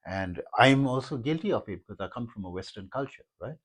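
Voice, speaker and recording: A man's voice: mid-range voice, lively intonation, brisk. A South African man giving an unscripted talk as a yoga teacher, rambling with many fillers and restarts.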